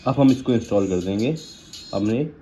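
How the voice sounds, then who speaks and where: With a lowish, dark voice and moderate pacing, an Indian man reviews gear in a casual unboxing and setup video. He speaks informally, alternating Hindi and English phrases, and the sound is muffled and lo-fi with faint noise in the background.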